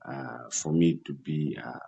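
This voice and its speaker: A young man from Malawi, an entrepreneur answering interview questions in a halting way with many fillers. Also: extremely low pitch, vocal fry, warm tone, breathy edge, dull audio. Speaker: entrepreneur guest.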